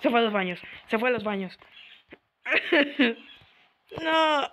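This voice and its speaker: Jumpy, excitable woman gamer. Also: fairly high pitch, a little slow, a little hiss or hum. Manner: excitable, yelps and laughs when startled. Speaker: gaming channel host. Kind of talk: let's-play commentary.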